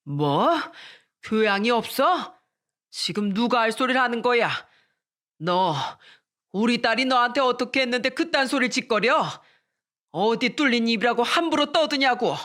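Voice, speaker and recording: A woman voicing an older father who shouts in indignant rage at his son-in-law. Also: a little high, lively intonation, moderate pace. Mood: furious.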